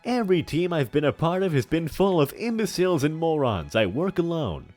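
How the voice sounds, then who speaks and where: A man's voice: a little high, sing-song, brisk, a little mellow, soft background music, voice pushed up. A man voicing a pompous, menacing, melodramatic older man in a hammy stage-actor manner for a comic dramatic reading. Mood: indignant, haughty. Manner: hammy stage-actor delivery with grandiose emphasis.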